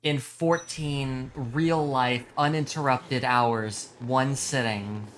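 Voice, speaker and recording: A man's voice: medium pitch, fairly even intonation, slow, fairly bright tone, slight background noise. A man who sounds just woken up, giving casual, sweary live game commentary and explaining as he plays. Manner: informal, sweary, explains as they play. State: groggy, just woke up. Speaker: game streamer.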